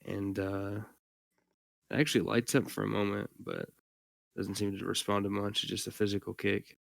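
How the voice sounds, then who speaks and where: A man narrating as game master for a tabletop game, halting and full of fillers as he describes the scene. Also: on the low side, flat delivery, creaky, no echo.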